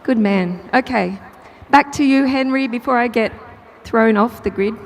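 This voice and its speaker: Woman, trackside grid reporter, fairly high voice, outdoors, faint noise behind. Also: a little slow. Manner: chatty, upbeat, talks over the crowd. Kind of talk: live trackside interviews.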